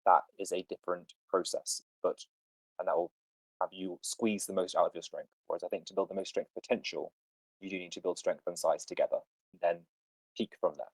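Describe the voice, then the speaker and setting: A man's voice: sits low, fairly even intonation, fairly quick, no room sound, poor audio. A man hosting a casual fitness podcast, confidently explaining training ideas to a caller over a voice call. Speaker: podcast host answering fitness questions.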